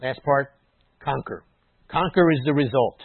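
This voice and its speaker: A man delivers a teaching sermon at a middle pitch, patient and explanatory. He often drops his voice for quiet asides. The sound is thin and phone-like, with no room echo. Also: a little slow, gravelly, husky. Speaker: messianic rabbi preaching. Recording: dry tinny phone-like sound.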